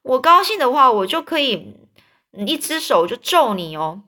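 A woman's voice: sits high, very animated, moderate pace, pushed and bright, voice pushed up, full character voice. A woman voicing a brash boy who boasts and threatens to fight another boy in a spoken storybook retelling. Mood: defiant. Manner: taunting, bragging threats.

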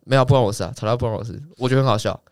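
A man's voice: mid-range voice, smooth, dry recording, clean studio sound. A young man, telling a story in a casual chat, swearing freely as he talks. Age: young adult. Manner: rapid, swearing, animated anecdote telling. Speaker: guest.

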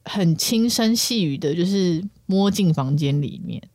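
A woman's voice: on the low side, lively intonation, a little slow, dark tone, dry recording. A Taiwanese woman who is a podcast guest, chatting casually with a Taiwanese Mandarin accent and often murmuring agreement. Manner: attentive listener with frequent backchannel murmurs. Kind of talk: casual chat. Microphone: studio microphone.

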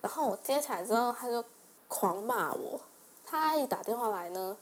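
A young woman from Taiwan, hosting and telling a personal story in a chatty, animated way, laughing often and leaning on fillers. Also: a little high, normal speed. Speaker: host.

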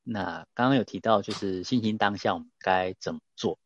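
Male host, thoughtful questioner, deep tone, a bit muffled lo-fi recording. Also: brisk, a little hiss or hum. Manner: thoughtful, reflective follow-up questions. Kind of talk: casual interview hosting. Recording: slightly dull lo-fi audio.

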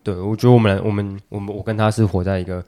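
A man's voice: lowish voice, flat delivery, rapid-fire, dark tone. A man co-hosting a casual podcast chat, telling a story and acting out the quoted phone talk, with a Taiwanese Mandarin accent. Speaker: podcast co-host.

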